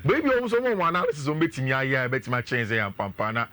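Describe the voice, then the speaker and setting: A man with a Ghanaian accent, a sports pundit giving energetic, analytical talk on a radio show and mixing in local phrases. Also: mid-range voice, fast, no echo.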